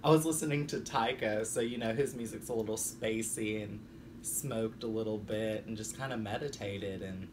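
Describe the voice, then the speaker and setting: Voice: mid-range voice, normal speed, far from the mic, noisy background. A vlogger chatting casually to viewers in a laid-back, spacey stoner drawl.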